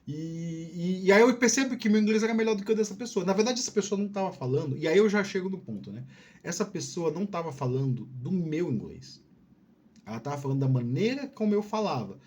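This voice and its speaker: This fast-talking, animated host from Piauí, Brazil has a high-pitched yet darkish voice as he hands out relaxed career advice on video. He digresses, repeats words often and regularly checks in with his audience.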